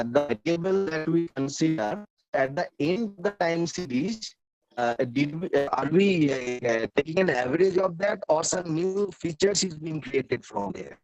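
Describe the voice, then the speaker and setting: A man asking a halting, hesitant question in a conference Q&A, his voice coming through choppy, breaking-up online call audio. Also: fairly high pitch, darkish tone. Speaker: audience member asking a question. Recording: dull, lo-fi remote call line.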